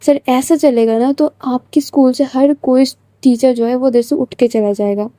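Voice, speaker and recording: A woman's voice: high voice, fairly even intonation, moderate pace, mellow, no echo, lightly acted. A woman voicing a stern, principled young female teacher who speaks firmly and reproachfully. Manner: firm, reproachful.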